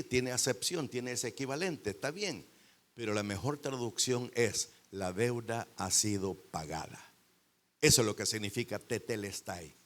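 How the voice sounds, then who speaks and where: A male pastor preaching a sermon into a handheld microphone in a church, rising to loud bursts and dropping into quiet pauses. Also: lowish voice. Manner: preaching with sudden loud swells and dramatic pauses.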